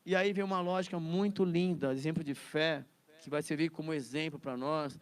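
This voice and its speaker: A man's voice: on the high side, fairly even intonation, normal speed, clear, resonant tone. A man teaching a Bible study lesson in a chatty way, laughing often and repeating words.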